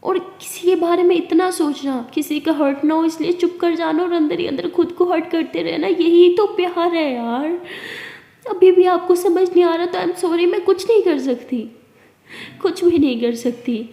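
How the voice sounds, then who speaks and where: A woman's voice: very high-pitched, moderate pace, mellow, pitched above the performer's own voice. A woman voicing a tearful, lovesick young woman. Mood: pleading. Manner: pleading, tearful. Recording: roomy reverberant room.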